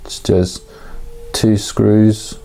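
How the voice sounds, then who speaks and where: A man giving a casual, hands-on tutorial, informal and halting as he thinks aloud while working. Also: lowish voice, little pitch movement, gravelly, dark tone. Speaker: hobbyist host of an RC car build series.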